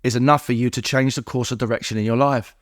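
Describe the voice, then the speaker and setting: A man's voice: mid-range voice, steady tone, quick pace, no room sound, studio quality. A man as a podcast guest, speaking candidly about recovery, with many restarts and fillers in an earnest, searching way.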